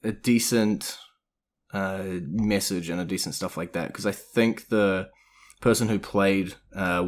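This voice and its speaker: Low-voiced man chatting about a film. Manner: rambling, looks things up while talking. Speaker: podcast co-host. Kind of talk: casual film review chat.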